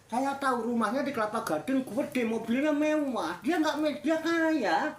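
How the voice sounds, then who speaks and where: A male Islamic cleric with a Javanese accent, leading a humorous religious discussion, teasing and animated, repeating phrases for effect. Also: very high voice, moderate pace, roomy sound, slight background noise.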